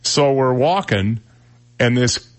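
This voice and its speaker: A man's voice: medium pitch, slow pace. A man hosting a radio talk show, telling rambling self-deprecating stories. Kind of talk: casual chat on radio. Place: radio studio.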